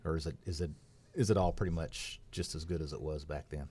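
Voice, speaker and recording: A man's voice: extremely low pitch, fairly even intonation, a little fast, darkish tone, husky. A male interview host who asks long, rambling questions full of fillers and restarts. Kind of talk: conversational interview.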